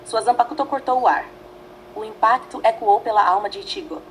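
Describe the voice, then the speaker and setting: A woman narrating a fanfiction story in a dramatic, measured way, reading in short phrases. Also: on the high side, a little hiss or hum, low-quality recording.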